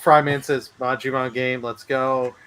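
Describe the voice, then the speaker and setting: A man co-hosting a casual gaming podcast, talking excitably with stammering restarts. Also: mid-range voice, unhurried, smooth. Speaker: podcast co-host.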